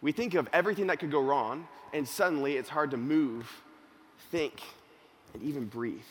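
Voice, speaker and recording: A young man gives a motivational speech built around a personal story, swinging from loud excitement to hushed seriousness. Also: on the high side, moderate pace, slight background noise. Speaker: youth organization speaker.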